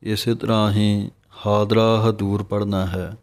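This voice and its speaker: A man gives a pronunciation lesson in scripture chanting. He chants each verse slowly, then explains it more quickly. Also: fairly low pitch, little pitch movement, darkish tone. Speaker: scripture recitation teacher.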